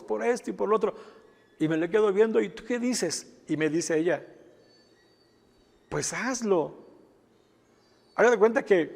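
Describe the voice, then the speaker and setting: A man's voice: sits high, a little mellow, long reverb tail. A male pastor telling a testimony in a sermon, with frequent asides to the congregation. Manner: storytelling, with frequent asides asking "¿verdad?".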